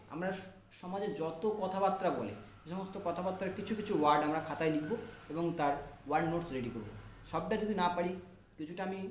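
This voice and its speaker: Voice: medium pitch, roomy sound. A teacher explaining English basics step by step and spelling words letter by letter. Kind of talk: spoken English lesson.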